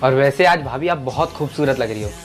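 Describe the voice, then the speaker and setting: A woman playing a flattering young brother-in-law who asks his sister-in-law to cook for his friends. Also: rumbling low, fairly quick. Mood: coaxing. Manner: coaxing and flattering. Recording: music playing behind.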